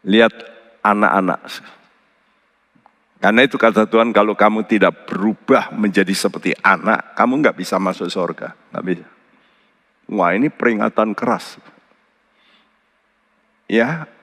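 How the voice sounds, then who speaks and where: A man preaching a sermon, earnestly addressing his listeners. His voice leaps high for emphasis, then drops low and quiet on solemn points. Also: normal speed, pauses often. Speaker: pastor. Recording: long hall reverb.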